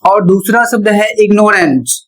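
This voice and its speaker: A woman's voice: mid-range voice, lively intonation, moderate pace. A woman teacher explaining English pronunciation rules in a classroom-style lesson, spelling words out letter by letter.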